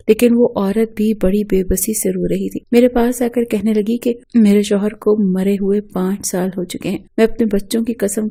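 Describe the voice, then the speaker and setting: A woman's voice: mid-range voice, creaky, mellow, slightly rough. A woman narrating a dramatic first-person story in an emotional, anguished manner.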